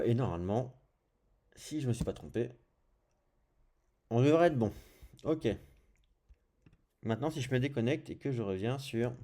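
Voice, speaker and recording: Medium in pitch and mellow, with a little hiss or hum behind it, this voice belongs to a programming tutorial host with a French accent. He talks through a relaxed screencast, musing out loud as he clicks through settings and saying "hop" and similar fillers along the way.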